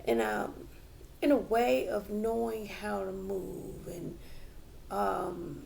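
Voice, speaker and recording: A woman giving a tarot reading to viewers, slow and reflective, with many fillers and restarts. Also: medium pitch, gravelly, darkish tone, a little hiss or hum. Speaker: tarot reader.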